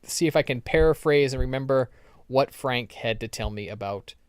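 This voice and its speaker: A man co-hosting a casual podcast, meandering through an anecdote with frequent ums and restarts. His voice is smooth and clear, recorded close and dry. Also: medium pitch, normal speed, no room sound. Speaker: podcast co-host. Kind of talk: casual chat.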